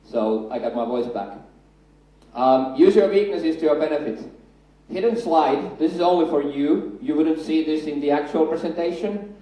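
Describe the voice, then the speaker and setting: A Finnish man in his thirties, a native speaker with a Finnish accent, gives a chatty, self-deprecating conference talk on a stage in a large hall, holding a handheld mic. His voice is fairly high and warm, at a moderate pace. The recording is echoey, captured far from the mic.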